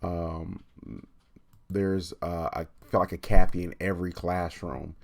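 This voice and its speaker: With a deep, unhurried voice, a man runs a livestreamed storytime, talking informally and reading a children's book aloud. His delivery is animated and encouraging.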